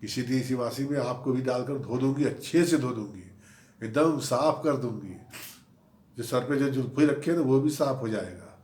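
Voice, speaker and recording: A man voicing his sharp-tongued, quick-to-anger wife in a comedy sketch. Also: roomy sound, natural voice. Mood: sarcastic. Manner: sarcastic, shrill nagging.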